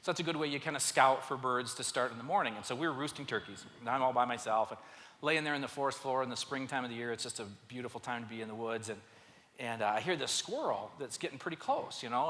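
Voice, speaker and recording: Middle-aged man, animated storyteller to a live crowd; bright voice, set a bit high, long hall reverb. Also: fast. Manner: animated, self-mocking storyteller. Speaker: speaker at a men's church event. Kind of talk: storytelling talk to a live audience.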